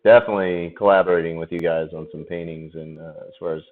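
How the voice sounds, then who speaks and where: Low-voiced man chatting on a tinny stream. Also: fairly even intonation, fast. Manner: laid-back, swears freely, laughs often, answers chat aloud. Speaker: painter streaming live. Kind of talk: casual live-stream chat while painting. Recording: tinny phone-like audio with faint music.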